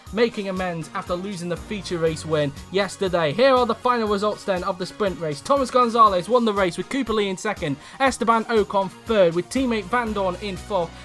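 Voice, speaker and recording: A man commentating a sim racing league race, calling overtakes with rising excitement and then reading out the results. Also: high voice. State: out of breath.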